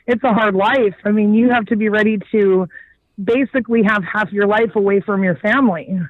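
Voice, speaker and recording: A woman's voice: mid-range voice, fairly quick, no echo. A woman guest on a podcast, chatting casually about a film and thinking aloud, with easy laughs. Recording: dull lo-fi sound.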